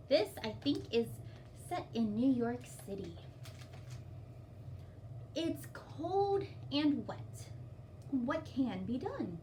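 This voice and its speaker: A woman with a high, mellow voice leads story time for young children, reading a picture book aloud. She gives simple explanations and asks encouraging questions, heard via a distant mic with faint background noise.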